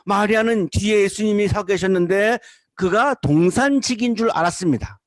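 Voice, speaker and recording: Male pastor, high lively voice, emphatic preaching with rhetorical questions, dry recording. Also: moderate pace, no echo. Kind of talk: sermon.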